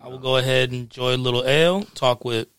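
A man playing a tabletop game, talking in a relaxed, meandering way. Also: mid-range voice, quick pace, clean tone, dry recording. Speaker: player. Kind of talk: in-character tabletop play.

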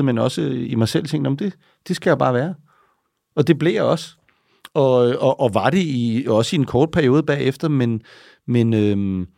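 A man's voice: mid-range voice, creaky, a little mellow, no echo, studio quality. A man talking casually as an interview guest, rambling and often checking in with little tag questions and restarts.

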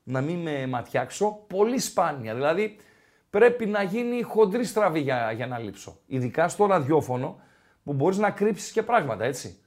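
Guy hosting football talk radio, kinda high voice, rambly, lots of ums. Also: big pitch swings, a little mellow. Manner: chatty, rambling, with many filler sounds. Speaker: sports radio host. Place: radio studio.

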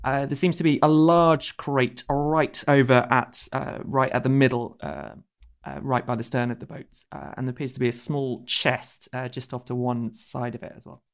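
A man's voice: medium pitch, normal speed, clean tone. A man running a tabletop role-playing game as game master, improvising descriptions in a loose, hesitant way.

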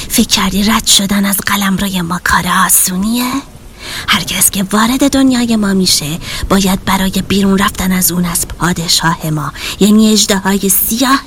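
A woman voicing a haughty, threatening fire dragon in a children's audio story, with a low, whispery hiss. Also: a bit bright, lightly acted. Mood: menacing.

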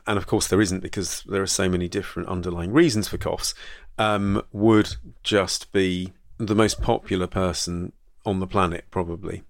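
A doctor hosts a solo educational podcast, talking through a health topic in a thoughtful, conversational way with fillers and restarts. His voice is on the low side and creaky, on a dry, clean studio recording.

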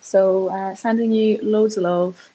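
A woman's voice: mid-range voice, fairly even intonation, a little slow, heavy background noise. A woman leaving a casual, chatty voice message as a listener, affectionate, gushing and sweary.

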